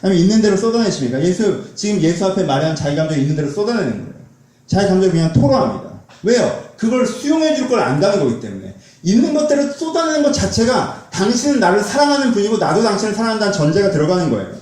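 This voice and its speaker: Male pastor, high lively voice, mellow tone, conversational sermon, very echoey church. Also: fast talker. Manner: conversational, asks the congregation questions.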